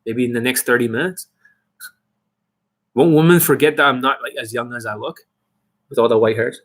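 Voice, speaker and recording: A young dating coach rants straight to his viewers, blunt and swearing, firing off one rhetorical question after another. His husky voice sits at an ordinary pitch and moves at normal speed.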